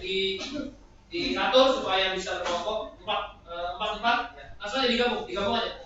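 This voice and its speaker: Male teacher, bright high voice, steering a class with lots of fillers; dull, echoey distant room sound. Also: slight background noise. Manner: directive, with frequent fillers. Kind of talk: classroom instruction. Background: classroom ambience.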